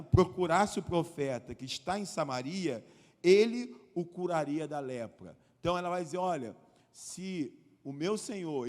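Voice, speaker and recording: A man preaching a sermon at a live church service, telling a story and acting out the quoted lines, growing louder as he goes. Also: on the high side. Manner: storytelling, acts out quoted lines, builds in volume. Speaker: pastor. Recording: live church hall reverb.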